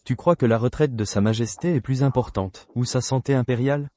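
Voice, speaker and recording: A man's voice: medium pitch, a little fast, dark tone, natural voice. A man voicing a bold, cheeky young imperial cook in a dubbed drama, teasing and cocky. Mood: self-assured. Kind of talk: dramatized dubbing with inner monologue.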